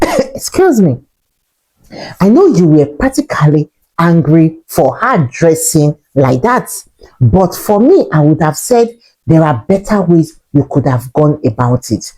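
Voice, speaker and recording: Lady preaching parenting advice, low-ish mellow voice, swings up and down a lot. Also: big pitch swings, measured pace, low-quality recording. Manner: earnest, lecturing, repeats points for emphasis. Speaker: parenting commentator. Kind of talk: casual commentary to camera.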